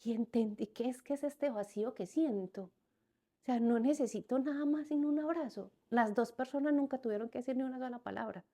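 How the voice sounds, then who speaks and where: A woman's voice: high-pitched, fairly quick, dark tone. A woman, a podcast guest, telling a personal story, repeating phrases and acting out what people said. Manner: repeats words and phrases as she recounts events; acts out quoted speech within her story.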